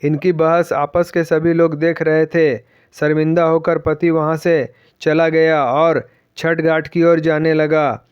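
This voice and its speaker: A man reading a scripted moral story in a steady, even manner, in a slightly dull, dry recording. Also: a little high, takes it slowly, clean tone, no echo.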